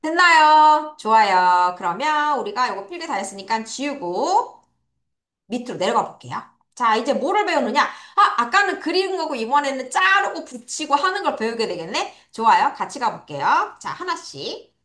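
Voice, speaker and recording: A woman teaching English vocabulary to children in an online lesson, asking questions and answering them herself, spelling words letter by letter and drawing out each word slowly for pupils to repeat. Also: high-pitched, big pitch swings, a bit bright. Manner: spells words letter by letter, slow drawn-out model pronunciation. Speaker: English teacher at a private academy.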